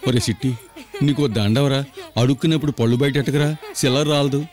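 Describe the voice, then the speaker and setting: A man's voice: mid-range voice, steady tone, fast, close to an everyday voice. A man in a dubbed film playing the bossy, scolding leader of a beggar gang.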